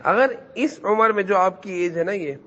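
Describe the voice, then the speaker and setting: This madrasa teacher has a high-pitched, sharp voice, caught on a muffled recording with slight background noise. Going over the same points repeatedly, he questions the children and presses them to reply.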